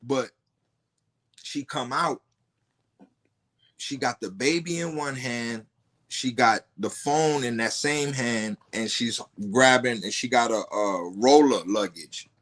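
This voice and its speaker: A man in the guest seat of a podcast, retelling events in casual street slang. He curses freely and trips over his words, repeating them as he goes. His pitch sits in an ordinary middle range. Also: slow pace. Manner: stumbling repetitions and heavy street slang; profane, animated retelling. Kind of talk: casual storytelling.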